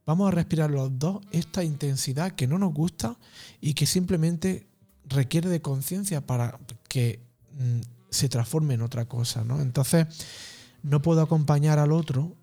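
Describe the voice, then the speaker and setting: A man calmly explaining emotions as a guest, in a slow, measured, spiritual teaching manner. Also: on the high side, faint music behind. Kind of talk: calm reflective explanation.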